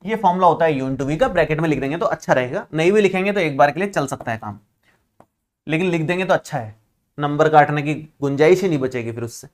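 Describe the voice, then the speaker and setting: A male math teacher giving a classroom lecture, chatty and reassuring, teasing his students and repeating steps slowly. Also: on the high side, lively intonation.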